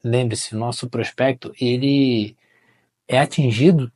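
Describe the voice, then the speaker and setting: A man with a Brazilian accent teaching marketing in a relaxed, chatty way. His voice sits at an ordinary middle pitch for a man. He keeps checking in with the listener through quick tag questions. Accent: Brazilian Portuguese. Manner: conversational, often ends phrases with tag questions. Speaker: marketing educator. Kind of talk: casual explanatory talk to camera.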